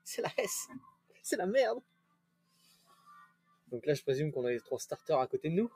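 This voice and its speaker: Young guy streaming a game, chatty and loose, a bit high voice, faint game music. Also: very animated, normal speed, a little mellow, breathy edge. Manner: chatty, loose, swears casually. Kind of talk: casual let's-play commentary.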